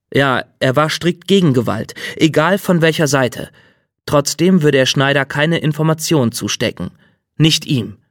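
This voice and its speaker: A man reading an audiobook in measured, even storytelling. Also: mid-range voice, no echo, studio quality. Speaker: audiobook narrator. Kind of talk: scripted audiobook narration.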